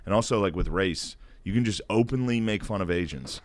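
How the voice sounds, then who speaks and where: A man's voice: deep voice, expressive, brisk, dry recording. A man who is a comedian guest, talking casually on a podcast in a loose, profane way, often laughing and trailing off.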